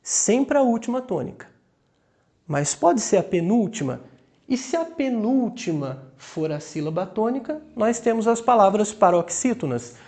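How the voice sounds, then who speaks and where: A man's voice: high voice, very animated, darkish tone. A man with a Brazilian Portuguese accent teaching a grammar lesson. He draws out example words syllable by syllable and keeps checking in with the class. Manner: slow, deliberate, drawing out example words syllable by syllable.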